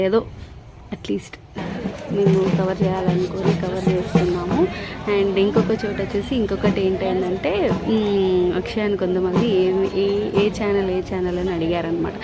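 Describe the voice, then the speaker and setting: A woman narrating a family vlog in a casual, chatty way, slipping English words into her talk. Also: lowish voice. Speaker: vlogger. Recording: loud festival music and crowd behind. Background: festival crowd and loud music.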